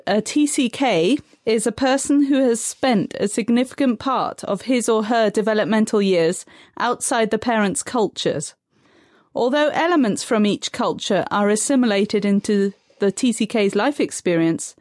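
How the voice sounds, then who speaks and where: Woman guest expert, methodical and calm, dry close recording. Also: medium pitch, moderate pace, dry recording. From Tanzania. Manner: calm, methodical, defines terms step by step. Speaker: guest expert on third culture kids. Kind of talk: measured explanatory interview answers.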